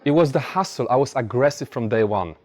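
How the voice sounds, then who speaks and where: Animated and brisk, with a mid-range, darkish tone, a man from Poland delivers a motivational talk to a live audience in a Polish accent. He is blunt and informal, leaning on stories and emphatic repetition.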